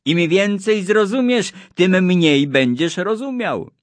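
A man voicing a gentle, wise priest who answers a boy calmly. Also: sits high, slow, no echo, voice pushed up.

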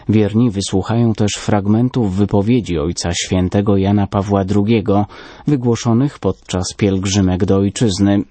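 A man reading the news in a measured, formal way. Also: fairly low pitch, warm tone, no room sound. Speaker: news reader.

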